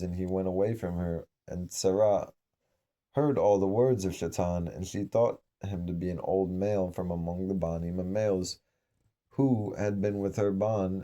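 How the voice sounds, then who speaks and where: Man, scripture reading, deep voice, very warm dark timbre, solemn, measured. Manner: measured, solemn reading with occasional slips and restarts. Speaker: scripture reader. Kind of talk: reading aloud from an old scripture.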